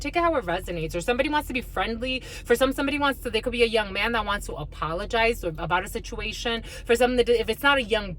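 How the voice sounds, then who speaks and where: A woman host giving an intuitive tarot reading to her viewers, with halting, repetitive phrasing and affectionate asides to listeners. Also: on the high side, fairly bright tone, slight background noise, low-quality recording. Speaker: tarot card reader, channel host.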